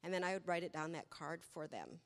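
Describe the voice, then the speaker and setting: A woman volunteer recounting a children's activity to a congregation, halting and restarting as she tells it. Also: lowish voice, animated. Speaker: church volunteer. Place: church sanctuary. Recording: echoey church hall.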